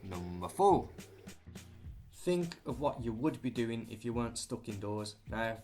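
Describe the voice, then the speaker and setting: A man's voice: medium pitch, normal speed, darkish tone, faint music behind. A young British man talking through a list of things to do at home, rambling and jokey with offhand asides. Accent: British English. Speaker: vlogger. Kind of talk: casual listicle monologue.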